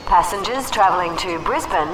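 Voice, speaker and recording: Woman's boarding call over an airport loudspeaker. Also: lowish voice, animated, noisy background. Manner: measured, repetitive announcing. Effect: airport public-address loudspeaker. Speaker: airport announcer. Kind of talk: boarding announcement. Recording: echoey loudspeaker from far off.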